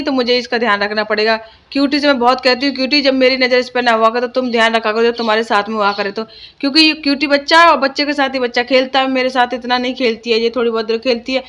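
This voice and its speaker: A woman's voice: fairly high pitch, a bit bright. A young woman talking casually in her home vlog about her children and the day's chores. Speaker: vlogger.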